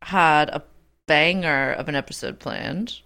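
A woman's voice: low-pitched, unhurried, bright, forceful tone. A woman co-hosting a podcast, trading casual comic banter with dry, profane interjections. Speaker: podcast co-host.

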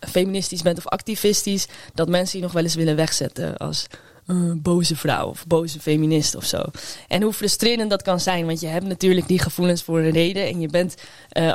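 Een vrouwelijke popartiest die als gast in een podcast levendig en met veel stopwoordjes over haar muziek vertelt. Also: female voice, fairly low pitch, no room sound. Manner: energetic, chatty, many fillers. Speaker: guest musician. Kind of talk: podcast interview. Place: studio at a table.

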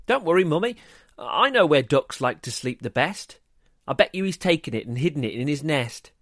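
A man's voice: expressive, moderate pace, a bit bright, no room sound, clean studio sound. A man voicing a curious little boy full of questions, in a storybook reading. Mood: reassuring. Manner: high, eager, questioning.

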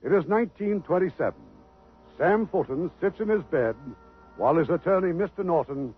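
In a muffled old radio broadcast with music, a man narrates the setup of a 1950s drama in his role as host and producer. His voice is on the high side with lively intonation, delivered at normal speed.

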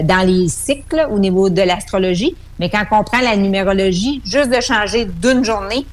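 Woman on a phone line, Québécois accent, radio call-in guest, long explanations, middle pitch. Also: a little hiss or hum. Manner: explains at length, with fillers and restarts. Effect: over the phone. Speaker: numerology guest.

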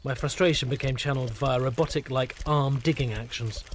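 A man giving a scripted comic narration in a deadpan, mock-pompous manner. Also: mid-range voice, brisk, slight background noise. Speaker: narrator of a comic pub review.

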